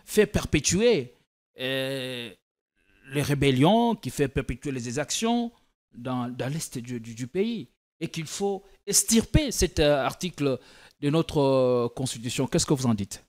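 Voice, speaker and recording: A man's voice: medium pitch, big pitch swings, a little slow, a little mellow. A man hosting a political talk show, asking questions with many hesitations and fillers.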